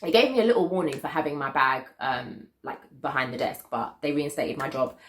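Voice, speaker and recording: Casting: young British woman, low voice, casual storytime vlogger, emphatic and indignant, recorded in a roomy echo. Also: sing-song, fairly quick. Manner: emphatic, indignant, repeats points for stress. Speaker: vlogger telling a personal story.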